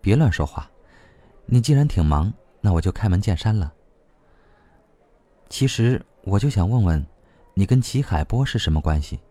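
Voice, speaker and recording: A man reading a novel aloud, voicing a young woman who speaks gently and coaxingly, with a slightly quiet tone. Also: fairly low pitch, sing-song, normal speed, pauses often, dry recording. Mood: direct. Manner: gentle, coaxing and soft-spoken. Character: cheerful but troubled young woman.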